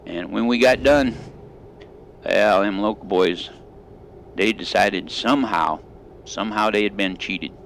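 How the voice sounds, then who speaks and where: A man's voice: on the low side, measured pace, long pauses, fairly bright tone, a little hiss or hum. A middle-aged man hosting a gaming video, telling old stories in a folksy, rambling drawl with country grammar while driving in the game. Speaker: gaming channel host.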